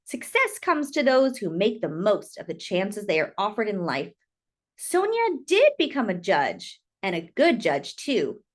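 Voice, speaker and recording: A woman reads a children's picture book aloud with lots of expression, using dramatic, deliberate phrasing and stretched-out emphasis. Her voice sits in the middle range and swings hugely in pitch.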